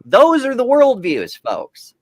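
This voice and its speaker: A man's voice: very high-pitched, wildly swooping pitch, takes it slowly, dry recording. A man co-hosting a casual podcast chat, rambling and profane as he tells a fable. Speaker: podcast co-host.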